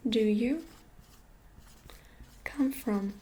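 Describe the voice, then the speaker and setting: A woman giving a whispered ASMR lesson, speaking gently and softly and repeating each short phrase several times. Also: fairly high pitch, extremely slow, a little hiss or hum. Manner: gentle, soft-spoken. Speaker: ASMR creator teaching phrases.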